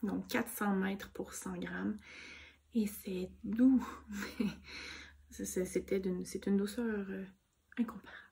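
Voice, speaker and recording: A woman with a Québécois accent talks through her knitting projects in an unhurried, relaxed way. Her speech is soft and gushing, sprinkled with little fillers. There is a noticeable gravelly fry in her voice. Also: medium pitch. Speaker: knitting vlogger. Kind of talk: casual show-and-tell chat.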